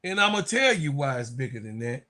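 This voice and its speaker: A man's voice: mid-range voice, sing-song, a little fast, sharp tone. A man co-hosting a podcast, arguing heatedly about basketball with emphatic, repetitive, preachy points. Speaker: podcast co-host. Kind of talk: heated sports debate.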